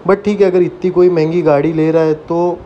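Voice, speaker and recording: A man's voice: a little high, fairly even intonation, moderate pace, muffled recording. A man, giving a casual, conversational car walkaround and mixing in English words. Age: 20s. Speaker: car review vlogger. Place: outdoor used-car lot. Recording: outdoor background noise, traffic ambience.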